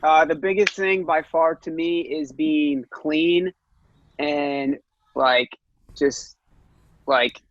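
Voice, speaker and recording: A man's voice: on the high side, steady tone, slow pace, pauses often, no room sound, highs cut off. A man in his late twenties, a guest musician chatting casually on a podcast, rambling with lots of fillers and swearing freely. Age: 20s.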